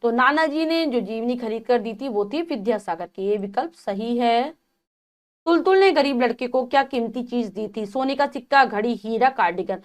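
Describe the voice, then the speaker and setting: A woman's voice: fairly high pitch, animated, normal speed. A woman teacher patiently reading and explaining a textbook lesson, retelling the story in her own words.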